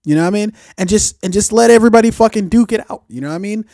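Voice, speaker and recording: A man's voice: high voice, racing, darkish tone, no echo, clean studio sound. A man chatting casually as a podcast co-host, blunt and profane, often checking that the listener follows. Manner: blunt, profane ranting with frequent check-in tags. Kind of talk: casual opinionated podcast chat.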